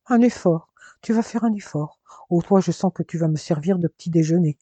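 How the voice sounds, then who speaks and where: A man voicing a curious, loving young woman, earnest and questioning, with a husky voice. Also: on the high side, steady tone, quick pace, mellow, dry recording. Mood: playful.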